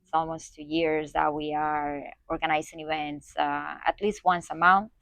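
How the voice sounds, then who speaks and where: Female guest, low register, hesitant conversational delivery, dry close recording. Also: level tone, moderate pace, gravelly, a bit bright, clear, resonant tone, no room sound. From Spain. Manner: hesitant, many fillers and restarts. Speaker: guest, community organizer. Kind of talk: conversational interview.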